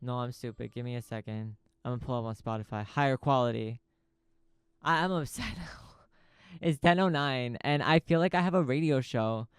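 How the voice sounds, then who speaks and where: Speaking at a moderate pace in a clean, mid-range voice, a man hosts a podcast from a small studio with no room sound. He rambles casually through a stream-of-consciousness info dump, swearing as he goes.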